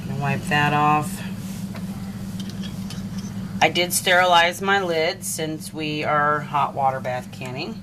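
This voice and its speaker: A woman's voice: low-pitched, slow pace, pauses often. A woman giving a casual step-by-step home canning demonstration in her kitchen, chatting and thinking aloud as she works. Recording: home video with steady background noise.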